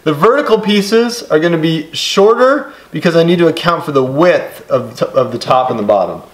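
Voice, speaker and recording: A middle-aged man giving relaxed, step-by-step how-to instructions while building in his home workshop. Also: fairly high pitch, brisk. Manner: relaxed, step-by-step explaining with casual fillers. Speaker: DIY builder. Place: home woodworking garage workshop. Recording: echoey workshop with clear background noise.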